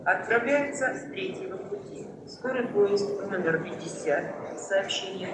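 Public-address train announcer, formal scripted delivery, high pitch, booming with echo through a station loudspeaker, heavy background noise. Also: animated, measured pace. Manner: formal, scripted, repeats each notice. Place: railway station, over public-address speakers. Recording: echoey noisy station loudspeaker, distant. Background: loud station ambience noise.

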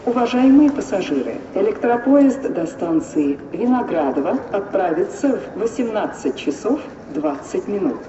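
A woman's voice: mid-range voice, very animated, moderate pace, hardly any pauses, a crowd in the background. A woman making formal, scripted public-address train announcements in a clipped, phrase-by-phrase airport announcement style. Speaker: railway station announcer. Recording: dull, distant, echoing, noisy station loudspeaker.

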